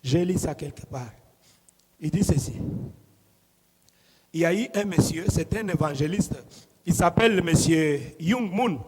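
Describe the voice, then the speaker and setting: High-voiced preacher in a reverberant hall. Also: male voice, measured pace, pauses often, a little hiss or hum. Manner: preaching that swings between loud emphatic cries and quiet murmured asides. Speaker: pastor. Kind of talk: sermon. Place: church. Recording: long reverb of a large hall.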